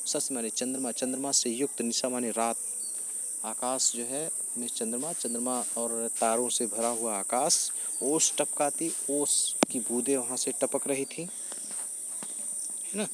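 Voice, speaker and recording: A man of ordinary pitch, teaching a classic poem. He recites each verse deliberately and then unpacks it in a patient, repetitive way, filling his pauses with small hesitations. Faint background noise sits under his voice. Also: steady tone. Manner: recites verse lines slowly, then paraphrases them with frequent fillers and repetition. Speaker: teacher explaining Hindi poetry. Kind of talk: explanatory lecture on a poem.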